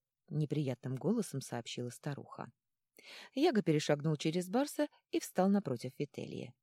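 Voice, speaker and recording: A woman reads a fantasy audiobook with a low, mellow voice that rises and falls expressively. The sound is close-miked and dry, with no room around it. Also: no room sound. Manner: expressive, lively narration. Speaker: audiobook narrator.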